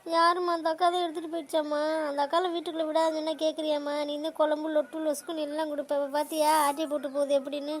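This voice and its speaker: A woman's voice: high-pitched, level tone, racing, natural voice. A woman voicing a fretful young daughter in a comedy cartoon, talking in a whiny, pleading way. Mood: complaining. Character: fretful young daughter who lost her chain.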